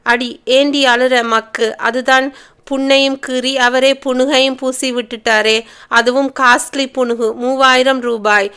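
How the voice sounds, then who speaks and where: A woman's voice: sits high, steady tone, measured pace, a bit bright, clean tone. A woman narrator voicing a teasing, chatty young woman who mocks her younger sister in playful banter.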